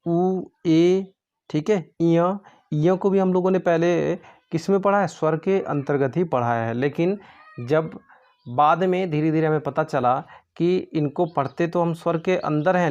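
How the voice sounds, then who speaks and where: A man's voice: fairly high pitch, darkish tone, dull audio. A man tutoring for an exam, going through quiz answers step by step in a patient way. He asks his own questions and then answers them.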